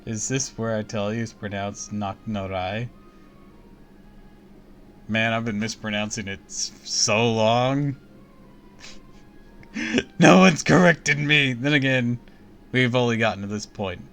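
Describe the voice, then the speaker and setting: A man's voice: on the low side, slow, vocal fry, long pauses, a bit bright, soft background music. A man streaming a story game, chatting casually in a joking, self-mocking way. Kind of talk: casual chat while reading a story game aloud.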